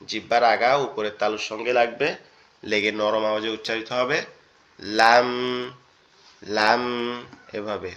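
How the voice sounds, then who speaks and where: A man teaching an online Quran class, explaining each letter patiently and repeating points slowly. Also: on the low side, flat delivery, a bit bright, dull audio. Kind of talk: online lesson on Arabic letters.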